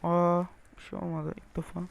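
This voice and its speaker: A young man giving frustrated gameplay commentary, swearing, groaning and shouting in exasperation as he plays. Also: high voice, monotone, normal speed, vocal fry, dull audio. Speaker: gaming video creator.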